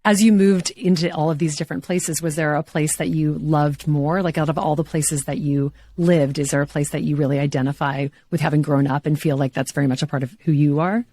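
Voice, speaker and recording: A middle-aged woman from Louisiana hosting an interview show, upbeat and quick to laugh. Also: sits low, steady tone, dark tone. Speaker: podcast host.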